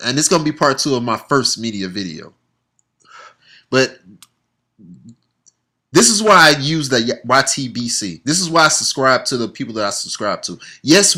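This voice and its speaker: A man's voice: mid-range voice, pushed and bright. A man giving a blunt, heated, profane monologue about boxing and the sports media as a sports vlogger. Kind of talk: opinionated casual monologue.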